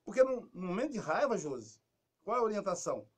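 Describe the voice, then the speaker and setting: Brazilian guy w a high voice chatting advice on a talk show, animated, acts out little scenes. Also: fast talker, breathy edge. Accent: Brazilian Portuguese. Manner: lively, acts out quoted lines, drops to a soft low voice.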